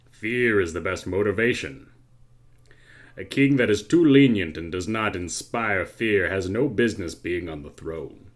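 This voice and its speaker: A man voicing an arrogant, menacing villain king, delivering a pompous, commanding monologue. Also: sits low. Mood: cold, imperious.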